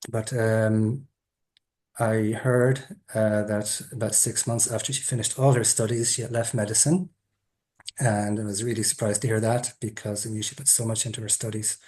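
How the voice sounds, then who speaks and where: A man's voice: fairly low pitch, darkish tone. A man hosting an interview, telling a personal story in a chatty way and laughing at himself now and then. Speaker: interviewer, group host. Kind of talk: storytelling introduction.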